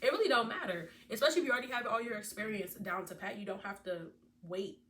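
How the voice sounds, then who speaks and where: A woman's voice: medium pitch, fast. A woman in her twenties, a veterinary student, giving chatty, casual advice straight to her viewers. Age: 20s. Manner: chatty, animated, speaks directly to viewers. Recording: distant mic with faint background noise.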